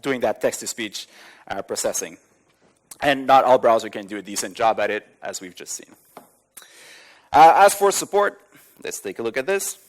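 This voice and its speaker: Casual chuckling tech conference speaker, man. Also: mid-range voice. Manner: casual, many fillers, chuckles between points. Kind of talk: live tech conference talk with demos. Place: conference hall with audience.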